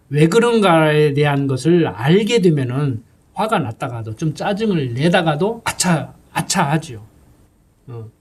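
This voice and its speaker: Middle-aged pastor guy, husky, kinda high voice, chatty sermon, keeps asking "right?". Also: a little mellow. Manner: conversational, folksy, asks listeners for agreement.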